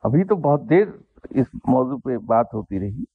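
Gravelly-voiced man with a tinny, dry recording. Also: medium pitch, big pitch swings, dry recording. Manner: unhurried, reflective, self-deprecating. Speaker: spiritual teacher answering questions. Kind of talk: anecdotal storytelling and religious reflection. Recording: dry, tinny phone-like sound.

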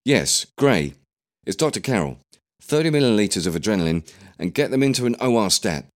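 A man's voice: fairly low pitch, wildly swooping pitch, brisk, pitched above the performer's own voice. A man voicing a playful woman who talks theatrically to herself. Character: playful adult woman playing doctor.

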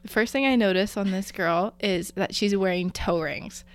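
A young woman co-hosting a podcast, telling stories in a teasing, animated way. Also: mid-range voice, normal speed. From Canada. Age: young adult. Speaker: podcast co-host. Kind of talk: casual chat.

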